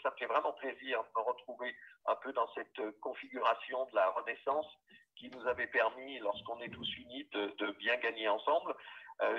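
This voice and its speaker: Politician on speakerphone: gravelly, formal, muffled phone sound. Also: male voice, on the low side. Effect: heard through a phone on speakerphone. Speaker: regional councillor guest on a political livestream. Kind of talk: political address on a live video meeting.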